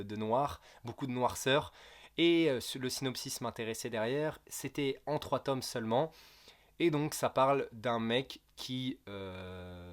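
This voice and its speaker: Joking young man rambling about manga. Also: lowish voice. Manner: rambling, joking, self-correcting, crude slang. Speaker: manga youtuber. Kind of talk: casual wishlist review.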